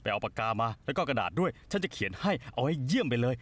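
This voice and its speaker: A man's voice: medium pitch, sing-song. An actor dubbing a bossy, scheming young man who pushes his friend around in a drama. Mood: pushy. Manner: pushy, quick. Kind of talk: Thai dubbed drama. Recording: noisy soundtrack behind dialogue.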